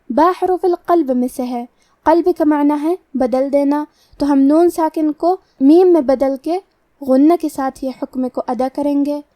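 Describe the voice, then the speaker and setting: A woman with a high, mellow voice teaches Quran recitation, explaining each letter step by step. She recites verses slowly, drawing out each word. The recording is close and dry. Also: dry recording. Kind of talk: tajweed lesson with slow recitation.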